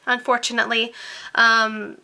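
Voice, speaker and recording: A woman's voice: on the high side, monotone, unhurried, vocal fry, pushed and bright. A woman, chatting casually to camera as a beauty vlogger, rambling with lots of ums and likes. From born in Romania, raised in Tennessee. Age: 20s.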